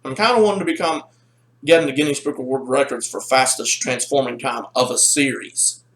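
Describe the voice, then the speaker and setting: A man telling a rambling, animated story in a casual toy review. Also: medium pitch, brisk.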